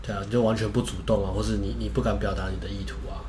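A man's voice: lowish voice, level tone, rapid-fire, mellow. A man with a Taiwanese accent co-hosting casual banter and advice, given to joking asides. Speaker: co-host. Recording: noticeable background noise.

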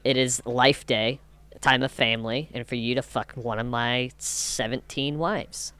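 A man's voice: medium pitch, fairly even intonation, measured pace, bright, forceful tone, smooth. A man playing an aggrieved desert alien scavenger in improvised comedy chat, rambling and swearing freely. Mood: friendly, insistent. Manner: profane, rambling.

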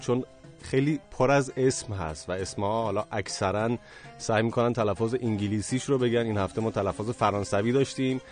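A man co-hosting a radio show, calmly explaining details to listeners. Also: on the low side, soft background music. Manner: calm, explaining step by step. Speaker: radio co-host. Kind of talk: casual radio chat.

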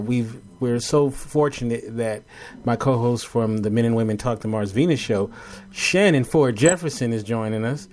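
A man from Los Angeles hosting an internet radio show, interviewing a guest in a relaxed, hesitant way with many fillers. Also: lowish voice. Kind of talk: casual interview.

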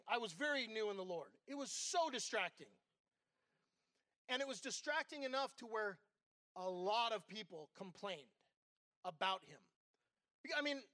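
A middle-aged associate pastor preaches in a candid, conversational way, weaving in stories from his own life. His voice sits high and bright. The sound is dry and close, with almost no room echo. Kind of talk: sermon.

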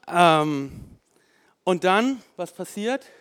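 Male preacher, slightly high voice, animated sermon storytelling, long hall reverb. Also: drawn-out words, clean tone. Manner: lively, emphatic storytelling with voiced asides.

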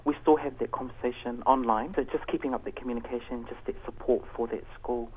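A man's voice: medium pitch, fairly even intonation, fast talker, background noise. A man giving earnest, explanatory answers as a guest in a conversational interview. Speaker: interview guest, education facilitator. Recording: tinny narrow phone line.

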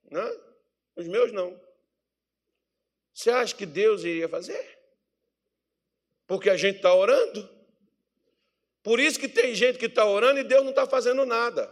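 A Brazilian man preaching a sermon with fervour, moving between loud calls to the congregation and quiet, close tones. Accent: Brazilian Portuguese. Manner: fervent, swings from loud exhortation to low intimate tones.

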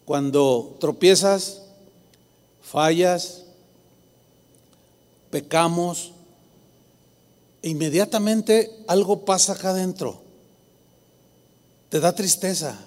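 A man with a Mexican Spanish accent preaching a sermon as pastor, animated and acting out the voices of churchgoers. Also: high voice, extremely slow, pauses often. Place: large church hall. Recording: long hall reverb.

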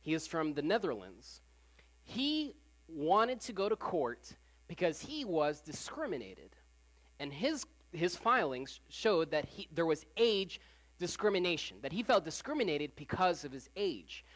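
A preacher giving a conversational Sunday sermon to a congregation, often repeating phrases and filling pauses with "like". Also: mid-range voice, big pitch swings, fairly bright tone. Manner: casual, repeats phrases, frequent "like" fillers.

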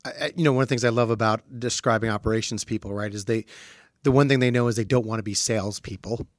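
A man hosting a conversation on a video call, thinking out loud and restarting his sentences as he goes. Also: on the low side, fast, dry recording, studio quality. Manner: reflective, thinks aloud with restarts. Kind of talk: casual conversation.

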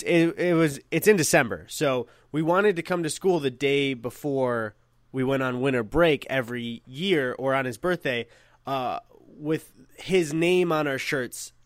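A young podcast co-host tells a long high school story at a measured pace, rambling, looping back, correcting himself, and swearing freely along the way. His pitch is an ordinary middle range, and the recording is dry and close with no room echo.

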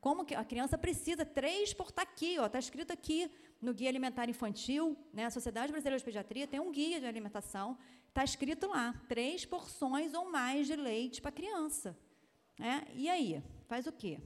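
A woman's voice: high voice, expressive, moderate pace. Chatty woman pediatrician in a reverberant hall. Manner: chatty, frequent tag questions, emphatic. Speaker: pediatrician giving a talk. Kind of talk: lecture-style talk with slides.

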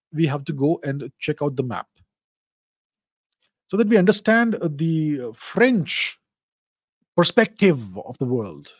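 A man's voice: fairly high pitch, husky, no room sound, clean studio sound. A man with an Indian accent giving opinionated, explanatory geopolitical commentary in an informal question-and-answer style, with emphatic points. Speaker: host of a live Q&A show.

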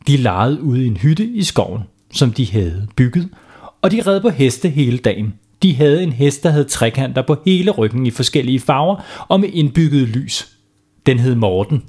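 A man's voice: mid-range voice, sing-song, a little mellow, slightly rough. A man telling a bedtime story to children in a playful way, stopping to ask them questions.

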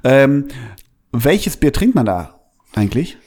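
A man's voice: medium pitch, very animated, slow pace, a little mellow. Man, podcast co-host, playful, casual banter, comic scenarios.

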